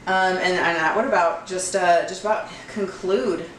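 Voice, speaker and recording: A woman's voice: on the low side, fairly even intonation, moderate pace. A woman co-hosting a home candy-making tutorial, chatting casually with lots of fillers while she works. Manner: chatty, filler-heavy, laughs often. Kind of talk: casual cooking demonstration. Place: home kitchen. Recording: echoey kitchen, far from mic, noisy.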